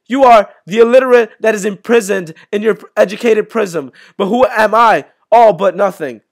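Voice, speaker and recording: A man's voice: sits high, moderate pace, gravelly. A young man recites a spoken word poem with an intense, rhythmic delivery, recorded on a webcam with an earphone mic in a small bedroom. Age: young adult.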